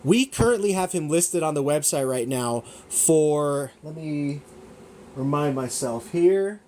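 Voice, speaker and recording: A young man with a somewhat high-pitched voice chats eagerly on a livestream. He rambles, restarts his sentences and corrects his own numbers. At times he talks with his mouth full as he eats. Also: darkish tone, a little hiss or hum. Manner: enthusiastic, rambling, self-correcting. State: eating while talking. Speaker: gecko breeder and shop owner hosting a livestream. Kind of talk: casual livestream sales chat.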